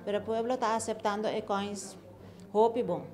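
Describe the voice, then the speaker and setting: A middle-aged woman, clearly inviting people to get in touch, speaking into a handheld mic in a news interview indoors. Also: medium pitch, fairly even intonation, moderate pace, darkish tone. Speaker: business owner being interviewed. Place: indoor office at an opening event. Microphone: handheld reporter mic held close.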